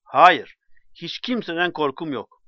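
Man doing a rowdy drunk, brash and shouting, higher and swinging voice, dull dry sound in a storybook reading. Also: expressive, unhurried, no room sound. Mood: boastful. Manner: slurring swagger, shouting and taunting. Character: drunk loud middle-aged man, boastful and belligerent.

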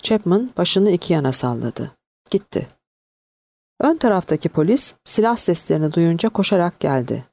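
A woman narrating an audiobook in an expressive, varied reading. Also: lowish voice, brisk, hardly any pauses, no room sound.

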